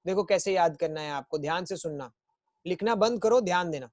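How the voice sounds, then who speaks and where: A man's voice: sits high, dry recording. Man teaching an online class, dry sound. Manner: repetitive, coaxing, chants memory rhymes slowly. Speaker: school chemistry teacher.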